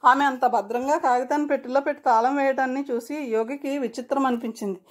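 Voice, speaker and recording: A woman storyteller reading a novel aloud in a steady, expressive way. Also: high-pitched, quick pace.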